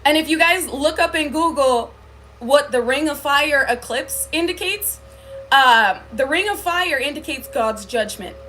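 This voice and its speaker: A woman's voice: high voice, animated, a little slow, bright, forceful tone, a little hiss or hum. A woman talking to her viewers on a livestream, telling a spiritual story in an earnest way with many filler likes and ums. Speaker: spiritual reader. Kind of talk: livestream talk.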